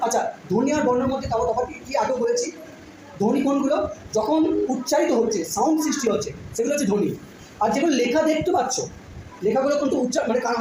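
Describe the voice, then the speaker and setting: Female teacher, patient drilling delivery, recorded in a very echoey room with audible background noise. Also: high voice. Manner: patient, repeats sounds slowly, checks understanding often. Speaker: school teacher. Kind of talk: classroom phonetics lesson.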